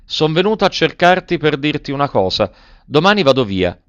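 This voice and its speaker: A man's voice: fairly high pitch, sing-song, fairly quick, no echo, lo-fi sound, pitched above the performer's own voice. A man voicing a stern, cold man who reproaches his friend firmly. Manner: firm, reproachful.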